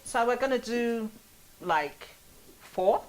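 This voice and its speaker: A woman's voice: a little high, expressive, slow, a little hiss or hum. A woman hosting a talk show, bubbly and laughing often.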